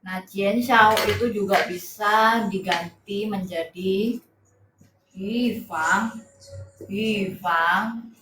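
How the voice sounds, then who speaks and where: A young woman teaching Mandarin in a live-streamed lesson, explaining slowly and patiently, often pausing on "nah" and "ya". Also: medium pitch, fairly even intonation, noisy background.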